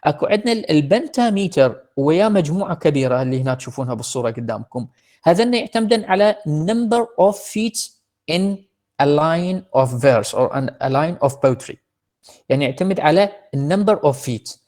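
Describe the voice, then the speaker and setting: A man with an Iraqi Arabic accent giving an online university lecture, switching between Arabic and English, slowing down for definitions and often hesitating over words. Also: a little high, lively intonation, a little mellow. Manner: mixes Arabic and English, slow deliberate English definitions, frequent hesitations. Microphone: computer mic in an online class.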